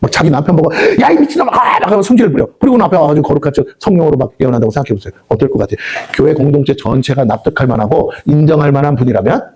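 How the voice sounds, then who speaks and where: A pastor preaches to a prayer-house congregation, rattling off rhetorical questions and slipping into the voices of the people he quotes. His voice is dark and husky, pitched a little high for a man. He speaks quickly, with pitch swinging widely. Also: expressive. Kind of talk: sermon. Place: prayer house meeting hall.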